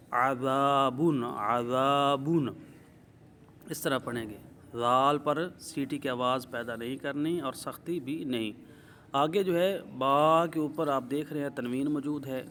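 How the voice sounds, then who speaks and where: A man's voice: mid-range voice, a bit bright. Male tajweed teacher, methodical step-by-step explainer, faint background hiss. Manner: methodical, explains rules step by step, checks with "ٹھیک ہے؟"; drawn-out slow demonstrations of recited words. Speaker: Quran recitation teacher. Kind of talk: tajweed lesson.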